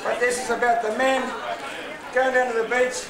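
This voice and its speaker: A high-voiced man introduces each dance to a party crowd in a big, echoey function room. He is picked up from far off by a camera, over loud crowd chatter. He talks casually and coaxes the crowd to call back to him. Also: level tone, normal speed. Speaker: dance performer.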